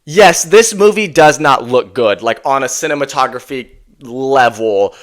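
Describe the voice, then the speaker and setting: Smooth-voiced young man reviewing films. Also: medium pitch, expressive, a little slow. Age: 20s. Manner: enthusiastic, rambling with many fillers. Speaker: movie reviewer. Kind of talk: casual movie review vlog.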